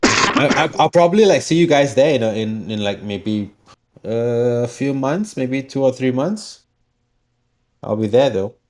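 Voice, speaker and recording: A man's voice: mid-range voice, expressive, measured pace, a little hiss or hum. A man from Singapore chatting casually as a guest, hesitant, often repeating words and laughing. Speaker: project guest. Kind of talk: casual chat.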